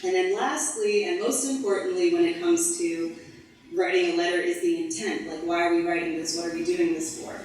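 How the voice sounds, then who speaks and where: A woman from Baltimore explains her painting in a thoughtful, measured way with a somewhat low voice. The sound is distant and very echoey, as if caught from across a gallery room. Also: steady tone, a little mellow. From Baltimore, USA. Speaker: artist. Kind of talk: presenting an artwork at an artist talk. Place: gallery event space. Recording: echoey room, heard from far off.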